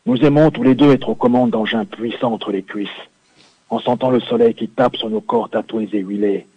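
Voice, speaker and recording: A man's voice: medium pitch, normal speed, breathy edge, dry recording. A man on a phone line into a radio studio, playing a boastful, suggestive macho biker sidekick from a video game in a comic sketch. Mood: swaggering. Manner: swaggering, suggestive, self-satisfied. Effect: over a phone line into a radio studio. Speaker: caller doing a comedy bit. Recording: dull lo-fi dry phone line.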